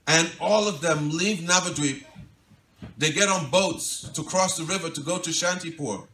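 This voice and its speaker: A man's voice: on the high side, moderate pace. Man telling a sermon in an echoey room. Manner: gentle, wistful storytelling, voice drops soft and quiet for quoted pleas. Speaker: monk giving a devotional lecture. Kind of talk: storytelling sermon. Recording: roomy hall echo, mic at a distance, faint ambience.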